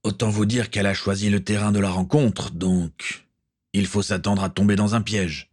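A calm ship captain with a low, steady voice, as the narrator reads him. He speaks with quiet authority, laying things out plainly in a storybook reading. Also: moderate pace, natural voice. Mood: serious.

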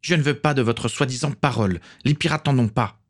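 A man's voice: mid-range voice, a little fast, voice pushed up, natural voice. A man voicing a protective, hotheaded teenage boy in a storybook reading. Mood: defiant. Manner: defiant, shouting orders.

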